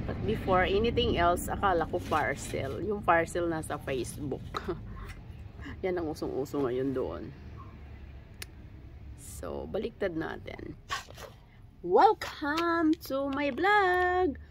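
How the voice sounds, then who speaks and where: A woman vlogging casually in her backyard, chatty and teasing with lots of exclamations. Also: on the low side. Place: backyard outdoors. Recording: loud background noise. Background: barking dog.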